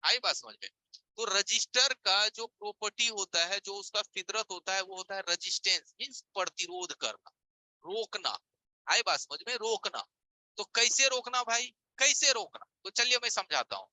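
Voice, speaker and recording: Man teaching with a very bright voice. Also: high-pitched, animated, moderate pace, no echo, low-quality recording. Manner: explains with everyday examples and asks rhetorical check-in questions. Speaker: mobile repair teacher. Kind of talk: live online class. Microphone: voice-over on a screen-share stream.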